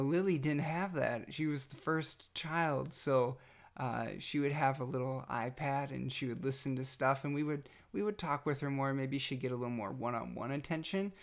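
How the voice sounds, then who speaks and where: In a casual personal message, a young adult man with a gravelly, mid-range voice records a birthday greeting to his little son a few days after nose surgery. He rambles affectionately, with many fillers and restarts.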